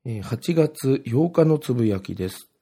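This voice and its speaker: A man's voice: medium pitch, animated, moderate pace, gravelly, dark tone, husky. A man from Ibaraki talking casually on his own, reading his posts aloud and rambling with plenty of filler words. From Ibaraki, Japan.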